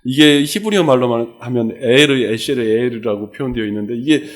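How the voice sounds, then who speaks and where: A man's voice: medium pitch, a little fast. A male pastor giving a midweek sermon, telling stories and acting out the quotes in them. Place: church sanctuary.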